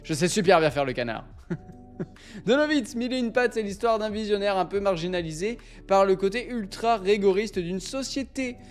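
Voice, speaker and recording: A young man hosting a live stream, chatting casually with viewers in an excitable, rambling way, often interrupting himself. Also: sits high, normal speed. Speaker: livestream host.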